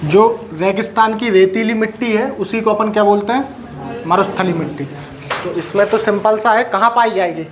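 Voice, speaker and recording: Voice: medium pitch, moderate pace, background noise. A teacher giving a live classroom lecture, dictating notes and regularly asking the students questions and whether they have doubts. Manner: quizzes students and checks for doubts.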